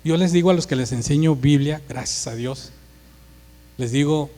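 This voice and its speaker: A man's voice: on the high side, normal speed, mellow. A male pastor with a northern Mexican Monterrey accent, preaching emphatically and acting out dialogue with force. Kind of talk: sermon. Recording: long hall reverb.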